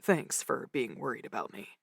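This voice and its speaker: A woman voicing a calm, wry man who speaks low and quiet. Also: normal speed, gravelly, slightly rough, no echo, exaggerated voice. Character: man, brother's best friend, calm and wry.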